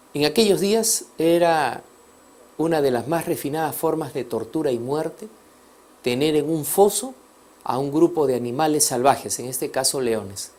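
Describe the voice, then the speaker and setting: A man telling a religious story as a sermon, swinging between loud emphasis and soft, hushed passages. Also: a little high. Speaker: teacher of a religious course. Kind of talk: preaching storytelling.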